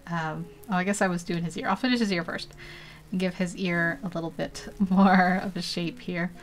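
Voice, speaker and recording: A woman's voice: fairly low pitch, steady tone, normal speed. Woman, casual painting commentary, frequent giggles, lots of ums, faint hum. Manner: chatty, laughs often, rambling with fillers. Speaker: digital painting livestreamer.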